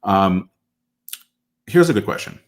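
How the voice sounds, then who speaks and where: A man's voice: sits low, very animated, takes it slowly. A man hosting an interview show over a video call, casually recapping his guest's points with plenty of fillers. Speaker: podcast host.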